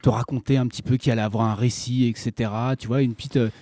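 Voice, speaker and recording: Mellow male interviewer, informal and relaxed. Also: mid-range voice, fast talker, no room sound. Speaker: host, interviewer. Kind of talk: casual radio interview.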